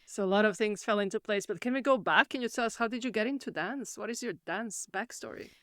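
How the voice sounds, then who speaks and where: A woman hosting a podcast, asking her guest questions in a friendly, measured way. Her voice is mid-pitched, and the recording is dry with no room sound. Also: a bit bright, dry recording. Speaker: podcast host. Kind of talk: podcast interview.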